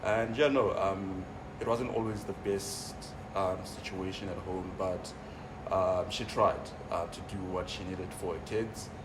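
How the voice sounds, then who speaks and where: A man in his twenties with a South African accent, talking about himself in a relaxed way with lots of fillers. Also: sits low, unhurried, hardly any pauses. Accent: South African English. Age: 20s. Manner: relaxed, many fillers like you know. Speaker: interview guest. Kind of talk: casual interview. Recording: distant mic, noisy room.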